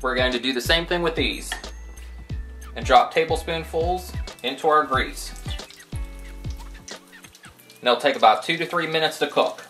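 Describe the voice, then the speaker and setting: A middle-aged man hosting a cooking show, calmly giving step-by-step recipe instructions in a home kitchen. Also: on the high side, measured pace, pauses often, faint music behind.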